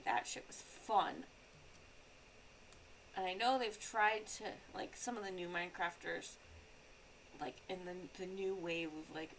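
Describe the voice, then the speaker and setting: A woman's voice: on the low side, gravelly, a little hiss or hum, low-quality recording. Chatty young woman streaming a game. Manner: rambling, chatty, lots of "like" and restarts. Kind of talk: casual live-stream chatter while gaming.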